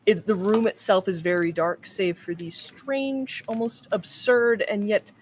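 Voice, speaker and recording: A woman acting as game master, describing scenes in an unhurried way with frequent pauses and ums. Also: mid-range voice, slight background noise. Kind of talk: narrating a tabletop game.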